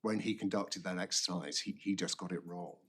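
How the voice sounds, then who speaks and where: Male advocate, low gravelly-edged voice, formal courtroom argument delivered haltingly with repeated phrases. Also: steady tone, a bit bright. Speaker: barrister arguing an appeal.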